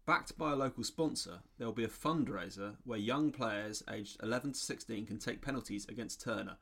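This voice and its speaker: A man co-hosting a podcast, relaxed and casual, telling news stories for a guessing game and chuckling often. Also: on the low side, brisk, creaky. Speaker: podcast co-host presenting stories. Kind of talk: casual chat.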